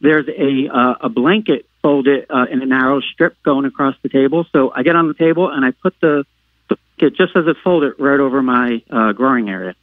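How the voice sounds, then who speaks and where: A man telling a personal story as a podcast guest, pausing on lots of "uh" fillers and jumping loud when he acts out what people said. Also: mid-range voice, no room sound. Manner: halting, filler-heavy retelling; acts out quoted lines with sudden loud outbursts. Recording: narrow phone-like line, dry.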